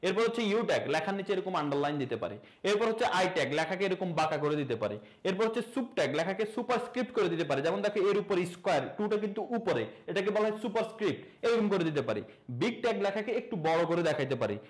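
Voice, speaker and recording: A young man teaching a casual online coding lesson, chatty and joking with quick asides to students. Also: high-pitched, big pitch swings, rough recording.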